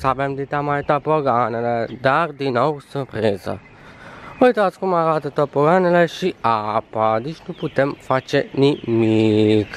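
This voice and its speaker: A man's voice: mid-range voice, a little hiss or hum. A young man in his twenties from Romania, vlogging casually and joking as he walks around outdoors, filming himself at arm's length. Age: 20s. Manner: chatty, joking, sarcastic asides. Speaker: travel vlogger. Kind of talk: casual vlog narration. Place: outdoors in a city street and residential complex. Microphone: camera held at arm's length.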